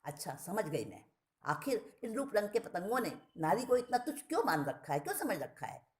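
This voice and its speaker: A woman's voice: mid-range voice, very animated, normal speed, lightly acted. Anjali, a caring firm wife, as a woman narrator voices her. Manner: gently scolding, warm. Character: caring, firm young wife who is a doctor.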